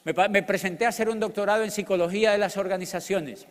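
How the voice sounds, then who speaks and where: A middle-aged man with a Colombian accent, a motivational speaker telling his story in an animated, joking way with loud outbursts. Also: sits high, quick pace. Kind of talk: storytelling business talk. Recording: long hall reverb.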